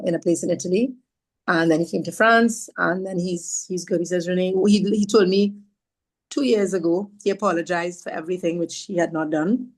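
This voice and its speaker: A woman from Trinidad and Tobago, a podcast guest sharing a personal story in an earnest, halting way, often acting out what others said. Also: on the low side. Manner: earnest, often acts out others' words in her retelling; halting, with fillers and restarts.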